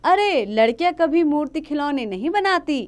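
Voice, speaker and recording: A woman's voice: high voice, expressive, normal speed, voice pushed up. A woman reading the part of a stubborn, scolding village potter father who coughs. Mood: stern scolding. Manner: gruff, scolding.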